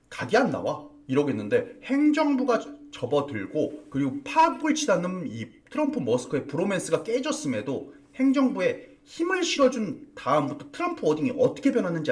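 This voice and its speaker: Animated male market commentator. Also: on the high side, recorded from a distance. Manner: emphatic, repeats key words for stress. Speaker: stock market strategist and host. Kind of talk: morning market commentary broadcast. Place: broadcast studio.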